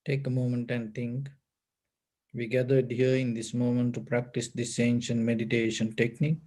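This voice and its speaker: A Buddhist teacher with a mid-range voice guides a meditation. He gives his instructions calmly and deliberately, in short phrases.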